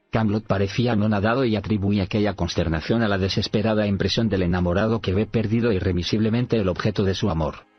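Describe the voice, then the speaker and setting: A man reading an audiobook in measured narration, sometimes saying punctuation marks aloud. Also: on the low side, husky. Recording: dull lo-fi recording, faint music.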